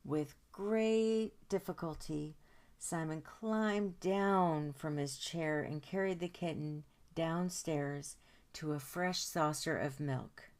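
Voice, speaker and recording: With a low-pitched voice, a woman hosting storytime reads a picture book to kids. Her reading is measured and full of expression, and she elongates key words for storyteller-style emphasis.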